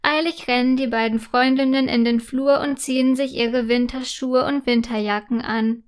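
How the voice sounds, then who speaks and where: A woman narrating a children's story in a gentle, clearly articulated way. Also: high voice, steady tone, moderate pace.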